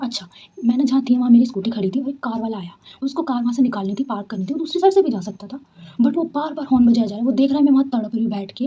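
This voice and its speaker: A young woman vlogger from Delhi, telling a personal story to camera in a chatty, animated way at home at night. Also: a little high, a little hiss or hum. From Delhi, India. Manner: chatty, animated, often says "theek hai". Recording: dull lo-fi home recording.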